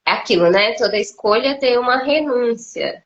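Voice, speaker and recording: A Brazilian woman from Minas Gerais with a Mineiro accent, hosting an interview in a relaxed, conversational way and sharing her own experience. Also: fairly high pitch, moderate pace. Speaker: host. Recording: dull lo-fi live-stream audio.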